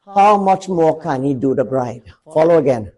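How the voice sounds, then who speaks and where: A man preaching a sermon, putting questions to his congregation and swelling to shouts on key points. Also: a little high, animated, moderate pace, low-quality recording.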